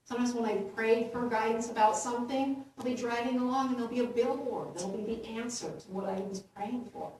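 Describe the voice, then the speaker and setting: A woman minister giving a gentle, unhurried sermon, laughing lightly at her own jokes. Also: a little high, fairly even intonation. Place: church sanctuary. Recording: roomy echo from far off.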